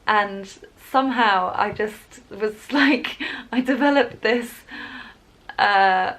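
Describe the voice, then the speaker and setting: A wellbeing vlogger rambles casually to the camera in front of her, laughing often and sometimes leaning in closer. Her medium-pitched voice is a bit bright, and she takes her time.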